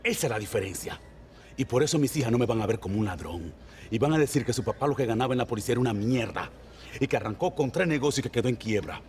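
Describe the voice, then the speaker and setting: A man's voice: medium pitch, expressive, fast talker, a little mellow, a little hiss or hum, natural voice. A man with a Dominican accent playing a proud, desperate ex-policeman father who insists heatedly on his reasons in a film scene. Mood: defiant. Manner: heated, insistent run-on justifying. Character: proud desperate middle-aged ex-cop father, defiant. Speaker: film actor.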